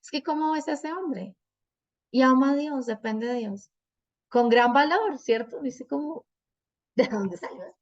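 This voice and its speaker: A woman's voice: sits high, measured pace, muffled recording. A middle-aged woman teaching a parenting class, telling family stories and often checking in with "¿cierto?". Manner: animated, asks "¿cierto?" often.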